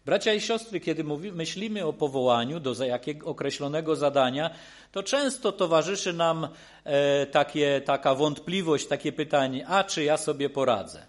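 A man's voice: a little high, normal speed. A man preaching a sermon in an earnest, reassuring way, with frequent restarts and repeated phrases.

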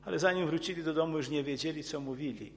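A man preaching a sermon in an earnest, emphatic way, often restarting his words and rising into forceful outbursts. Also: on the high side, quick pace, slight background noise. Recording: long hall reverb.

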